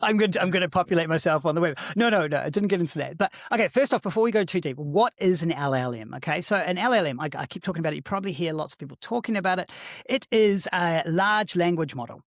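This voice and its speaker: A man's voice: high-pitched, lively intonation, fast, no room sound, clean studio sound. A man co-hosting a podcast, chatting casually, laughing often and restarting words as he explains. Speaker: podcast co-host.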